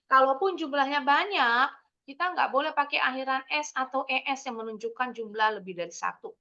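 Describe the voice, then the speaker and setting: Young woman, Indonesian accent, kids' English teacher, high bright voice, sing-song, lo-fi call audio. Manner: lively, sing-song explaining with quick questions to children. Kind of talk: online kids' English lesson. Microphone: video call. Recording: dull lo-fi video call audio.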